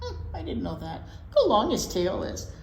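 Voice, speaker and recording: A woman presenting children's storytime reads with vivid, swooping inflection, mixing plain reading with homespun, informal asides and repeated words for emphasis. Her voice is fairly high and gravelly, at a normal speed, in an echoey space with faint background noise.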